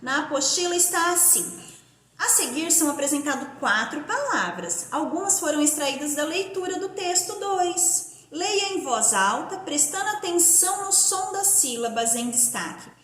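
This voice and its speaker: A woman's voice: high-pitched, animated, fairly bright tone. A woman teacher from Brazil giving a primary school phonics lesson, stretching out syllables and spelling words letter by letter. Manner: slow, drawn-out syllable-by-syllable pronunciation. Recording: echoey room.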